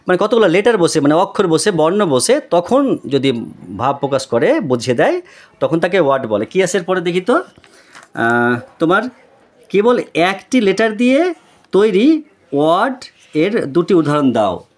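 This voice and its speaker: A man's voice: high-pitched, sing-song, moderate pace. A male tuition teacher giving a lesson and announcements to his students, explaining step by step, mixing in English terms and often checking that the class follows.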